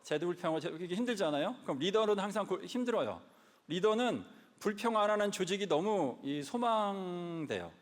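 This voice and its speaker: Man, lively preaching talk, fairly high voice, swooping delivery, repeats points, long hall reverb. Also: moderate pace. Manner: animated storyteller, repeats lines for emphasis. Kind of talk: lively sermon-style talk.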